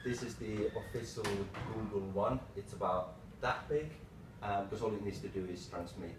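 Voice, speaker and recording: Low-voiced man presenting, distant and echoey. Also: normal speed. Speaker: tech presenter, developer. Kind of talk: informal slide presentation, lightning talk. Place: small meeting room, indoors. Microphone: far camera microphone. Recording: roomy, distant mic with clear background noise.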